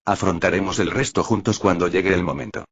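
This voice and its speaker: A man's voice: sits low, steady tone, fairly quick, breathy edge. A man voicing a young woman ally in an audiobook, speaking firmly but with empathy. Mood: firm, caring. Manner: firm yet empathetic.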